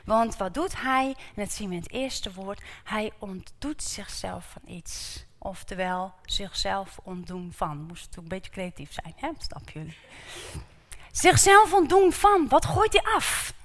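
A woman preacher giving a sermon in a church, animated, asking the congregation rhetorical questions and repeating words for emphasis. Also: medium pitch, a little slow, hardly any pauses. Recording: reverberant church hall.

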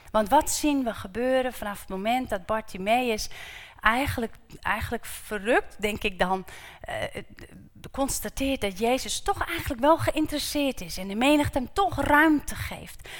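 A woman preacher giving a sermon in a church, animated, asking the congregation rhetorical questions and repeating words for emphasis. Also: a little high. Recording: reverberant church hall.

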